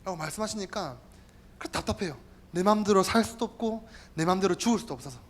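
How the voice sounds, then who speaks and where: A youth group pastor preaches a sermon in church, his male voice earnest and lively in pitch. He talks fast, exhorting the congregation and addressing the listeners again and again. Instrumental music plays in the background.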